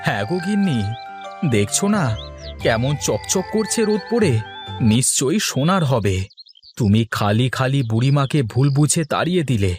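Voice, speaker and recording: A man's voice: medium pitch, expressive, normal speed, close to an everyday voice. A patient, generous village husband, voiced by a man soothes and pleads in a cartoon. His voice moves animatedly, with faint music behind. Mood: hopeful. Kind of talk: cartoon voice acting.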